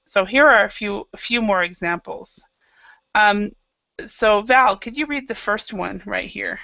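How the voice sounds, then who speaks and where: A woman from Idaho leads an online English class with a bright, forceful voice. She sounds patient and encouraging, leaning on plenty of fillers. Her voice is dry and close, over slightly dull lo-fi video-call audio. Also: mid-range voice, a little slow, vocal fry, no room sound. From Idaho, United States. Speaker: English teacher.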